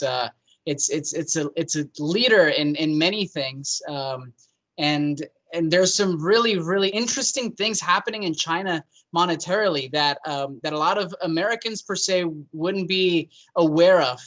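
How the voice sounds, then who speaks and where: Joking male host, fairly high voice. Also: fairly bright tone. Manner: joking, self-deprecating. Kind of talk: casual interview hosting.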